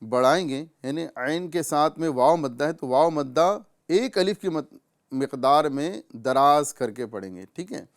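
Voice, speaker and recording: Man, Pakistani Urdu accent, recitation teacher, patient explanations, resonant voice, a bit high. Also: expressive. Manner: explains patiently, repeats sounds slowly and drawn out. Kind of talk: tajweed lesson with recitation examples.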